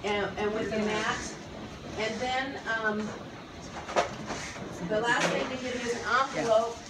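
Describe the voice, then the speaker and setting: A woman with a fairly high voice and fairly even intonation speaks a little slowly as she leads an informal tour of a large indoor warehouse, explaining things along the way. The recording is echoey and noisy, picked up by a distant microphone, with loud warehouse ambience behind her.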